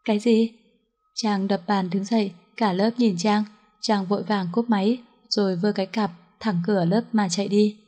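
Woman audiobook narrator, monotone reading, middle pitch, same voice for all characters. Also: moderate pace. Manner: reads all characters in one even voice. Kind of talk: scripted storybook narration.

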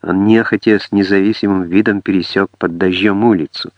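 A man reading an audiobook in a measured storytelling manner. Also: low-pitched, fairly even intonation, no room sound. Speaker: audiobook narrator. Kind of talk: scripted narration. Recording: dry, dull lo-fi audiobook.

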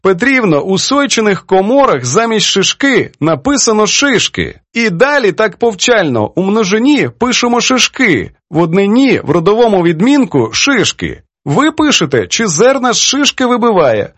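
A man voicing a merry elderly woman children's poet who teases and mocks her editor. He reads it in a high, lively voice. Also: normal speed, few pauses, no room sound. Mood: mocking. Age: older. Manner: teasing, laughs easily.

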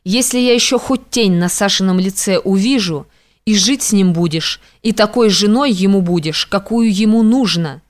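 A woman's voice: mid-range voice, normal speed, lightly acted. A woman reading an audiobook, voicing a stern, domineering young man who speaks harshly and commandingly.

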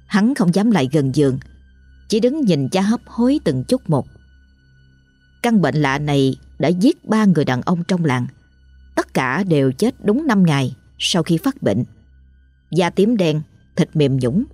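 Somber horror narrator: woman, low, dark, dry close sound. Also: breathy edge, no echo. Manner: measured, somber storytelling. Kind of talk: scripted horror story narration.

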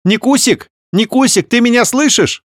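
A man voicing a bubbly, scheming young woman who chatters quickly and wheedles. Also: extremely high pitch, no echo, studio quality, voice pushed up. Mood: excited gushing.

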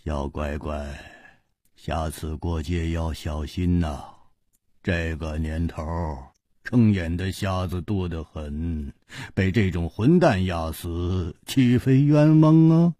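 A man voicing a boisterous, lazy male swordsman who talks in loud, laughing, slangy bursts. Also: on the low side, huge pitch swings, brisk, few pauses, husky, no room sound, studio quality, heavily acted. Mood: teasing.

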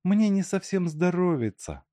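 A man's voice: sits high, very animated, a little slow, no echo, clean studio sound, voice pushed up. Man putting on a meek, tearful young woman. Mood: meek, downcast. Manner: soft, subdued, downcast.

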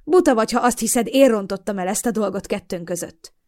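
A woman's voice: medium pitch, darkish tone, dry recording, clean studio sound, pitched above the performer's own voice, lightly acted. A smug young man talks down to his partner with cool, mocking condescension, voiced by a woman narrating a novel. He sounds superior and unbothered. This is storybook narration. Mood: condescending. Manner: patronizing, mocking.

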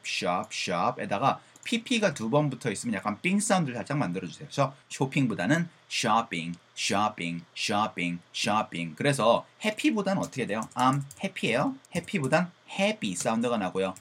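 A man, a native Korean speaker, gives a casual English pronunciation lesson, repeating phrases slowly and then explaining quickly. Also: medium pitch, a bit bright, husky.

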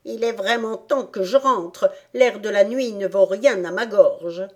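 Woman reading as a fussy old magpie, slow storybook voice. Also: mid-range voice, close to an everyday voice.

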